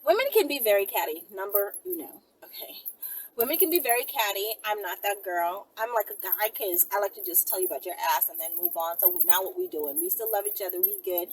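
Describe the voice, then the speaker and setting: This host fields viewer questions in a casual question-and-answer session, her medium-pitched, husky voice moving fairly quickly. She's blunt and sassy. The audio is poor, with faint background noise and room ambience.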